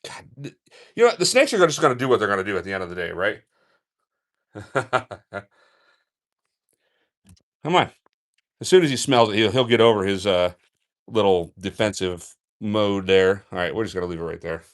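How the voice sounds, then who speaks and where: A man hosting a live snake-feeding stream from an indoor snake room, talking in a relaxed, chatty way as he coaxes the snakes and answers viewers. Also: lowish voice, moderate pace, long pauses. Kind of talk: casual live-stream narration. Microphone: handheld phone camera.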